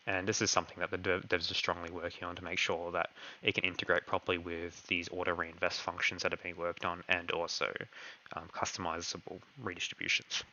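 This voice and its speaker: A man's voice: low voice, gravelly, pushed and bright, lo-fi sound. A man hosting a live online Q&A who is losing his voice and talks with many hesitations and fillers. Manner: hesitant, heavy on fillers and "kind of". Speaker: crypto project host answering community questions.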